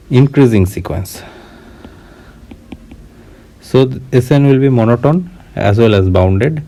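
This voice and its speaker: A man's voice: mid-range voice, dark tone. A man with an Indian accent teaching a math lecture, moving between Hindi and English and explaining step by step, checking in with his students as he goes. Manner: mixes Hindi and English, slow deliberate explaining, checks understanding.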